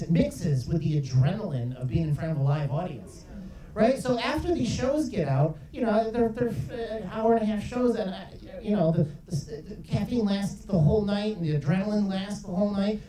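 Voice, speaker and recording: A man's voice: high voice, recorded from a distance. A man doing a stand-up comedy set, chatty and riffing with the crowd. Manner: chatty, riffs with the crowd, lots of "right?". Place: comedy club stage, live audience. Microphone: handheld mic heard from a far camera. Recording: roomy club sound from afar, crowd.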